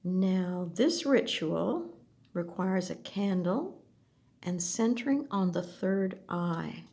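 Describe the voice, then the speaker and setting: A woman slowly looking through an oracle deck, speaking softly and at times dropping to a whisper. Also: lowish voice, animated, vocal fry. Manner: soft, slow, gently admiring, drifts into whispers. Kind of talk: slow unboxing commentary.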